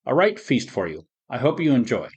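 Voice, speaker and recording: Old pirate captain, read by a man: gentle, courtly, mild. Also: medium pitch, very animated, a little fast, breathy edge. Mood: reassuring. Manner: genial, old-fashioned phrasing. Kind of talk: storybook voice acting.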